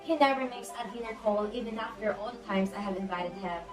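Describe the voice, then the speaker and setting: A woman's voice: medium pitch, a little fast, distant mic, over music, lightly acted. A woman playing a snobbish, scheming society hostess in an amateur play, theatrical and imperious. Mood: dismissive. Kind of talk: amateur stage-play acting.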